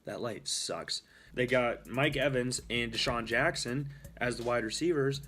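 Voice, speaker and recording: Speaking unhurriedly in a medium-pitched, fairly bright voice, this young host runs a casual sports talk show on his own. He rambles, uses fillers and keeps correcting himself.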